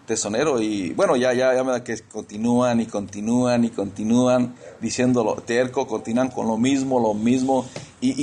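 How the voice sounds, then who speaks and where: A man's voice: medium pitch, a little mellow, a little hiss or hum. A man preaching a conversational sermon in church, often repeating words as he searches for the next one.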